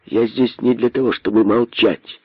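A man voicing a bold, defiant rabbit trapped inside a boa, shouting loudly and gleefully. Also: mid-range voice, steady tone, moderate pace, slightly rough, dry recording, narrow, tinny audio. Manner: loud, jubilant, defiant shouting.

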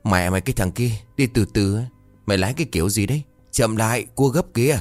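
A man voicing a panicky young male rascal who curses and shouts. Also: lowish voice, animated, fairly quick, no room sound, soft background music, close to an everyday voice. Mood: alarmed. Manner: cursing, shouting in alarm.

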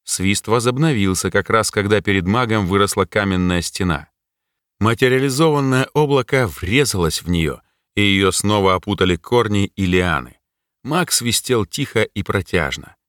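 Low-voiced male audiobook narrator. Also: animated, normal speed, fairly bright tone, no echo, clean studio sound. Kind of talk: scripted narration.

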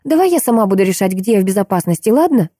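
A woman's voice: medium pitch, fast talker, dark tone, no echo, studio quality, pitched above the performer's own voice, natural voice. A woman voicing a passionate young woman who pleads and argues in a raised, trembling voice. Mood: angry. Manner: raised, trembling pleas and angry outbursts.

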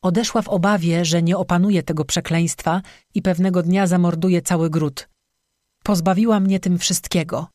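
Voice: mid-range voice, fairly even intonation, moderate pace, a little mellow, no echo, studio quality, natural voice. Narrator doing a bitter, weeping young strzyga woman. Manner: bitter, tearful confession with sobbing.

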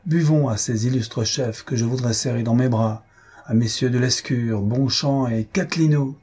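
In an audiobook, a man voices an old, blind marquis, a proud royalist host who raises toasts fervently and solemnly. His voice is medium-pitched, darkish and slightly rough, at a moderate pace and close to everyday speech.

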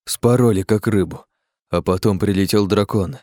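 A man voicing a huge monster, once a man, who talks in a low rumbling voice and shouts in distress. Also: normal speed, no echo, studio quality, natural voice. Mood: dazed.

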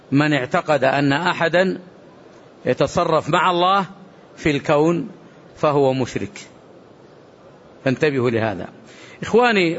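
A man, an Islamic scholar, giving a religious lecture that grows fervent and emphatic, with long rising supplications. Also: on the high side. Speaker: Islamic scholar teaching a book. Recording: dull lo-fi recording.

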